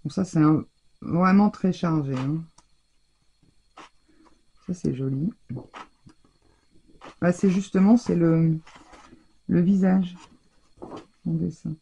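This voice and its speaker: A woman's voice: lowish voice, fairly even intonation, takes it slowly, gravelly, pauses often, mellow, husky. A woman chatting casually in a haul video from her home craft room, talking with lots of hesitations and fillers. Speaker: scrapbooking vlogger.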